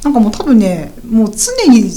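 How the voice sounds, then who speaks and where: A woman co-hosting a casual fashion chat, explaining trends quickly and playfully scolding her partner. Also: on the high side, wildly swooping pitch, background noise.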